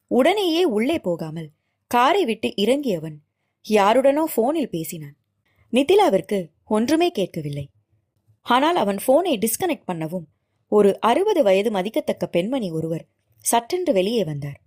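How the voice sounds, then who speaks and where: ஒரு பெண் ஒலிப்புத்தகத்தில் காதல் நாவலை உணர்ச்சிகரமாக நாடகத்தன்மையுடன் வாசிக்கிறார். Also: female voice, on the high side, husky. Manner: expressive, dramatic storytelling. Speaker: audiobook narrator. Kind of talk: reading a romance novel aloud.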